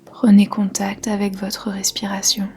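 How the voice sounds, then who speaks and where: This is a slow, soothing yoga nidra session led by a woman whose medium-pitched voice is soft, breathy, and whispery. She keeps her phrases short and measured, pausing gently, with faint music behind her.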